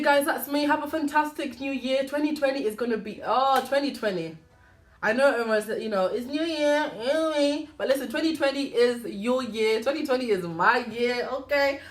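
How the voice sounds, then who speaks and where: A woman hosting a faith podcast, talking in a chatty, animated way with lots of asides to the listener. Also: on the high side, reverberant. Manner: warm, chatty, animated, full of "you know". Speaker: podcast host. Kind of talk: casual faith podcast monologue.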